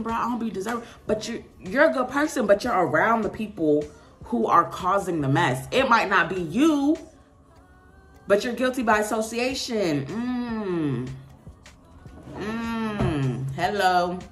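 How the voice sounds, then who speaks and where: A young woman, giving an animated, preachy casual talk to the camera as a vlogger. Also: fairly low pitch.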